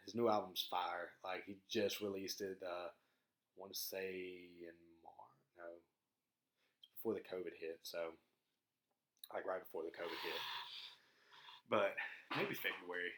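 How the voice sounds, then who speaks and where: Low-voiced young Southern man, laid-back podcaster. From Mississippi, southern US. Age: young adult. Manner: laid-back, slangy, chuckles at himself. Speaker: podcast host. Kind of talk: casual rambling vlog chat. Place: small home studio. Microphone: dedicated podcast microphone.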